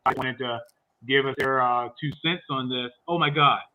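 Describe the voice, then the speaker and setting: A man's voice: mid-range voice, fairly even intonation, moderate pace, phone-quality sound. A man hosting a livestreamed movie review chat, rambling along with frequent fillers and restarts.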